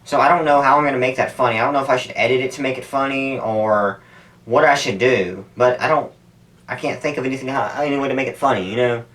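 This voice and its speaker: Talking fast in a mid-range, slightly bright voice, a stunt-video YouTuber wanders candidly and profanely from thought to thought. He's addressing the camera from an ice bath at home, recorded off-mic at a distance.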